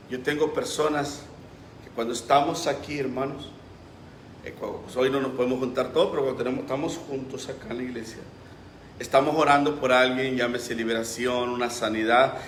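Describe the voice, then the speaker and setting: A man's voice: medium pitch, steady tone, normal speed, fairly bright tone, a little hiss or hum. A pastor preaching a sermon with passion, acting out the voices he quotes. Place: church. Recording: roomy echo.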